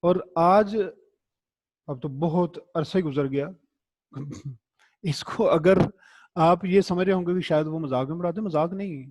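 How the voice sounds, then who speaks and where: Male teacher, higher voice. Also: darkish tone, dry recording. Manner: conversational and encouraging, tells anecdotes. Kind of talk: recorded classroom lecture.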